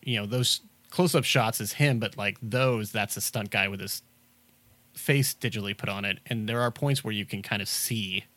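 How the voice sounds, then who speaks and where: A man's voice: fairly low pitch, normal speed, fairly bright tone, no echo. A man casually talking through a film as he watches it, rambling with lots of fillers and restarts. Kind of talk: casual movie commentary chat.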